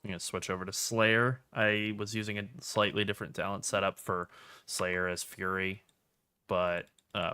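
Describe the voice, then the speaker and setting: A man streaming a video game, chatting casually with dry, relaxed jokes. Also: low-pitched, clean tone, no room sound. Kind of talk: casual gameplay commentary.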